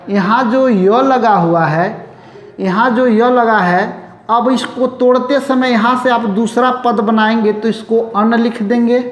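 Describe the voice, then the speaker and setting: Slow, echoey Hindi grammar teacher, male. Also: very high-pitched. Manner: repeats rhetorical questions to students. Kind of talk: whiteboard lesson. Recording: echoey room.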